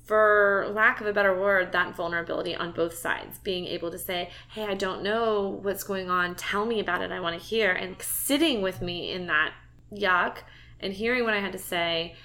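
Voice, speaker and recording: Earnest bright-voiced woman host. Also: medium pitch, normal speed. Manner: earnest, reflective. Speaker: podcast host. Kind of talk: casual heartfelt conversation.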